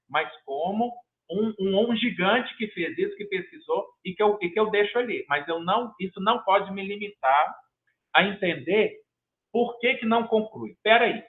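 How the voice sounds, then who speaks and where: A man's voice: sits high, expressive, normal speed. A man with a Brazilian Portuguese accent, a master's candidate answering examiners at his project defense, talking in a rambling, hesitant way with many restarts, heard over a video call. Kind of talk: academic thesis defense answer. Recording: tinny video-call audio.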